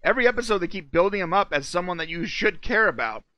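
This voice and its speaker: A man with a high, bright voice talks through a TV episode in a loose, excited ramble, full of quick asides. He sounds like a casual co-host reviewing a show, recorded close and dry with no room sound. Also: dry recording, dull audio.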